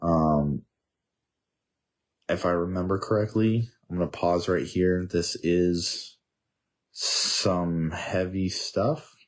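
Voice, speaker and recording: A man with a head cold, sounding congested and monotone, casually reading the Bible aloud with comments and many fillers. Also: deep voice, slow, long pauses. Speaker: Bible reading podcast host.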